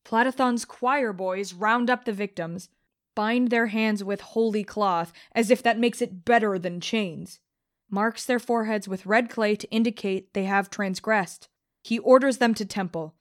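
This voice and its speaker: Bitter, defiant woman narrator. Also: medium pitch. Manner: bitter, cold, contemptuous. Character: bitter young woman rebel, vengeful and defiant. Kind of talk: first-person audiobook narration.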